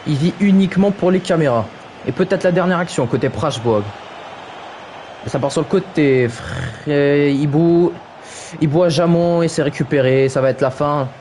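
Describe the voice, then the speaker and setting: A fairly quick, fairly high-pitched man with a darkish tone streams playful play-by-play of a video game football match, slight background noise behind his streaming mic. Teasing the players by mocking their names, he reads chat aloud and keeps exclaiming "aïe aïe".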